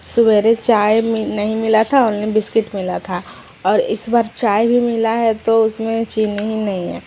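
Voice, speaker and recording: A woman's voice: a little high, flat delivery, measured pace, mellow, slight background noise, rough recording. A young woman telling her day in a chatty vlog voice-over, talking to viewers as friends. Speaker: vlogger. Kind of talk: casual vlog voice-over narration. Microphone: voice-over dubbed at home.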